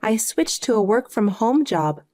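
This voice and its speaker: A woman voicing a calm, self-assured adult younger sister who speaks matter-of-factly. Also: a little high, unhurried, pitched below the performer's own voice. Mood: explaining. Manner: cool and matter-of-fact.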